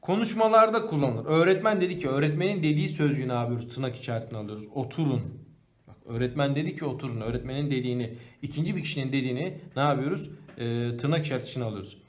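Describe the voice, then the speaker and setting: A man teaching a primary school grammar lesson. He asks the class questions and then answers them himself, and he slows down to read the example sentences aloud. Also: medium pitch. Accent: Turkish.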